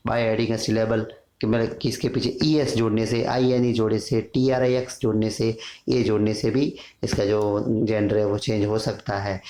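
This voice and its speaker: A man with a Hindi accent teaching an English grammar lesson, reading out long lists of word pairs and slowing down for English sentences. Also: lowish voice, a little mellow, roomy sound, rough recording. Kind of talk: classroom lesson, Hindi explanation with English words.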